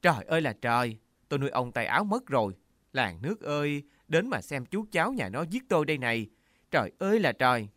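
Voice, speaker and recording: A male storyteller voicing a domineering middle-aged aunt who scolds harshly and wails loudly. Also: sing-song, a little fast, no room sound. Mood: wailing. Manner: shrill, scolding, wailing.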